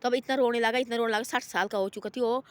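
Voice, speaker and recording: Speaking fast in a steady, slightly high voice with no echo, a woman tells a moral story informally. Her telling is rambling and repetitive, and she acts out the voices of the characters.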